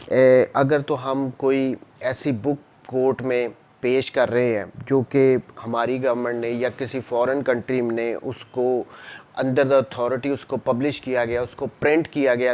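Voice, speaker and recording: This Pakistani-accented law lecturer has a mid-range, darkish voice and an unhurried, flat delivery. Teaching didactically, he reads out formal text and explains it, moving between Urdu and English.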